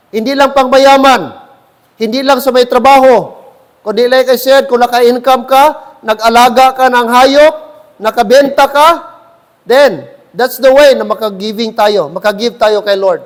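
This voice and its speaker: A pastor with a Filipino accent and an extremely high-pitched voice preaches a sermon in a church, moving between Tagalog and English and frequently calling out to the congregation. The sound carries the feel of a large hall.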